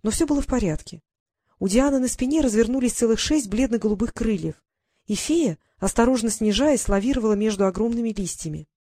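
A woman narrating a children's fantasy audiobook in an even, measured storytelling manner. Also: fairly high pitch, no echo, studio quality. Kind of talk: scripted narration.

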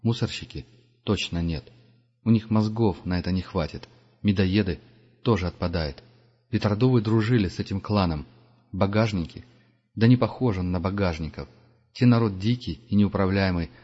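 Low-voiced male audiobook narrator. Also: breathy edge. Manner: measured, steady storytelling. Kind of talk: scripted narration. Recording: dull lo-fi audiobook recording.

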